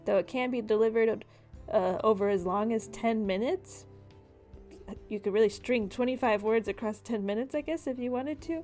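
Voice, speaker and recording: Narrating a tabletop game as its game master, a woman casually explains the rules while background music plays. Her voice is on the high side with a darkish tone.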